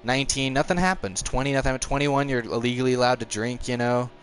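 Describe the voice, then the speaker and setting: A nineteen-year-old streamer speaks at medium pitch with fairly even intonation, with slight background noise in the clip. He chats casually on his live stream during a racing game, rambling and responding to the race, frustrated easily and chuckling along the way.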